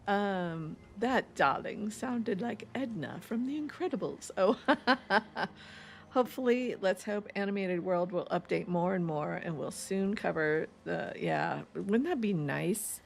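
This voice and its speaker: In a relaxed let's-play, a female streamer with an East Coast accent laughs and wanders from topic to topic while reading chat aloud. Her mid-range voice is slow and creaky yet lively in intonation, with a little hiss or hum in the recording.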